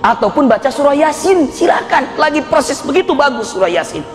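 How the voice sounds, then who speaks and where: A middle-aged man delivers an animated sermon, his fairly high voice leaping upward whenever he stresses a point, breaking into laughter between stories. The sound carries a long hall reverb, with soft music faintly underneath. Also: fairly quick. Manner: animated, jumps high in pitch for emphasis, laughs often. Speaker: preacher.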